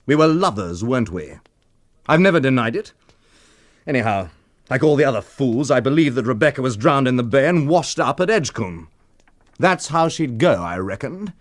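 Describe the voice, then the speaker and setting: A male actor with a natural, medium-pitched voice plays a cocky, drunken blackmailer in a radio drama, speaking in a taunting, familiar, insinuating way.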